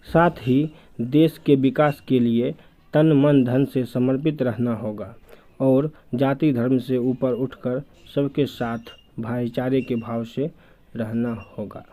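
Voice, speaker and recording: A male teacher slowly reading textbook questions and answers aloud, measured like dictation. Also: mid-range voice, phone-quality sound. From India.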